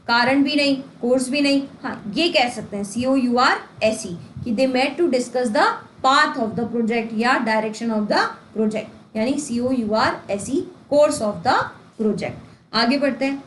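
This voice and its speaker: Woman tutor, high pitch, exam-prep lesson full of rhetorical questions; roomy recording. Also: slight background noise. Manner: explains with rhetorical questions and folksy examples. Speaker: English teacher. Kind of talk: exam-prep lesson in Hindi-English mix. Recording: echoey room, faint ambience.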